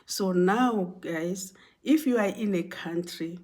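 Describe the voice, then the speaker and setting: A woman's voice: on the low side, slow pace, a little mellow. A woman casually telling a work story to her viewers, repeating herself and linking everything with "and then" and "you know". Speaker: vlogger telling a workplace story.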